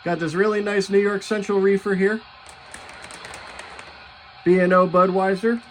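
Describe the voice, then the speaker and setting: Chatty high-voiced man vlogging. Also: steady tone, measured pace, slight background noise. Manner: chatty, enthusiastic collector talk with fillers. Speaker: model train vlogger. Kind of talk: casual show-and-tell vlog.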